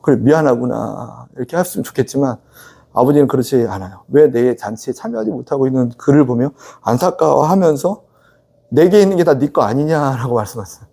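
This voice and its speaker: A male pastor preaching a sermon in a church, animated, often asking the congregation questions and joking with them. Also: medium pitch, fast talker, vocal fry, slightly rough. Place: church sanctuary.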